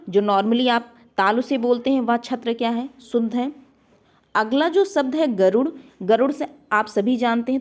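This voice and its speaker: A woman teaching a grammar lesson for exam preparation. She asks a question, then answers it herself, and repeats key words slowly. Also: fairly high pitch, a little mellow.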